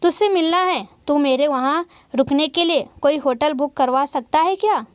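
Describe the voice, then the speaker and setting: A woman's voice: sits high, moderate pace, dry recording, close to an everyday voice. A woman voicing a troubled young man in a storybook reading, urgent and guarded.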